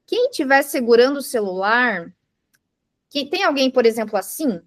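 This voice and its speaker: Woman, mindfulness teacher, higher voice, dry close sound, patient, explains with examples. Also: sing-song, moderate pace, dry recording. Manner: asks the group questions. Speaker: mindfulness instructor. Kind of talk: teaching a live beginners' class. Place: indoor room with a live group.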